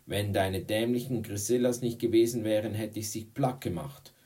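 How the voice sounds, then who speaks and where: A man voicing a cocky sixth-grade boy in an audiobook, talking boastfully and briskly. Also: sits low, lively intonation, dark tone, distant mic. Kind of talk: audiobook reading.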